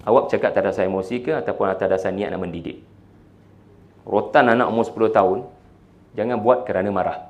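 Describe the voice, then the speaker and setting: Animated Malaysian preacher man. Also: on the low side. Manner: animated, swings between loud emphasis and quiet talk; mixes in English words. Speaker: Islamic preacher. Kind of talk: religious lecture.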